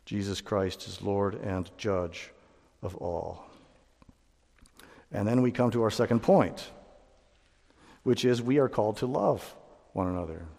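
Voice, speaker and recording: A man preaching a sermon as pastor, speaking emphatically and climbing to loud peaks. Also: fairly low pitch, animated, a little slow, vocal fry, pauses often, long reverb tail. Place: church sanctuary.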